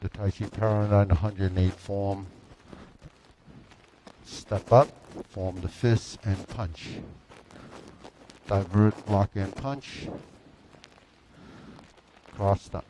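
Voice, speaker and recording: A man teaching tai chi, calling out movement cues in calm, measured short phrases with pauses between them. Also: fairly low pitch, poor audio. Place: large mirrored wood-floored indoor studio. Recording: faint room noise.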